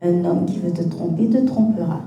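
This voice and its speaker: A woman's voice: on the low side, moderate pace, dark tone, dull audio. Frank woman host in an echoey room. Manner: frank and opinionated, mixing in English phrases. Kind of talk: casual faith-based conversation. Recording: echoey room with faint music.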